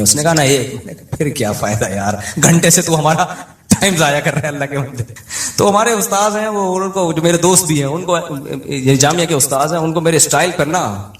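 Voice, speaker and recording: A man giving a humorous religious talk, telling stories with jokey asides. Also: on the high side. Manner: storytelling, animated, jokey asides. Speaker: Islamic preacher. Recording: echoey room.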